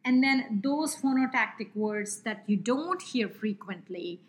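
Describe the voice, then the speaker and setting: Interview guest: woman, Indian accent, measured expert explainer, lots of fillers and restarts. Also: on the high side, expressive.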